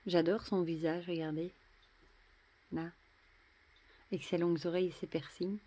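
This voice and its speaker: Chatty French woman, lowish voice. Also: level tone, moderate pace, warm tone. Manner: chatty, admiring, often drops to a murmur. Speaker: tarot deck reviewer. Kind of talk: casual show-and-tell.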